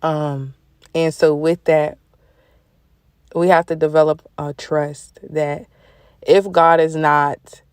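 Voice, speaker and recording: Low-voiced woman giving a casual devotional talk. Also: little pitch movement, slow pace, long pauses, clear, resonant tone, no echo. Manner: conversational, informal, laughing asides. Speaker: podcast host. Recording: dry close recording.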